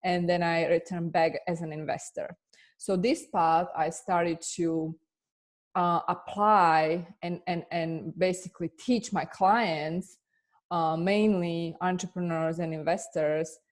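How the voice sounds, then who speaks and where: A woman with a Slovak accent and a fairly low voice answers interview questions. She speaks earnestly, with plenty of fillers and restarts. Her answers sound like those of an attorney and coach recounting her own path. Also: steady tone, takes it slowly. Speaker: immigration attorney and business coach.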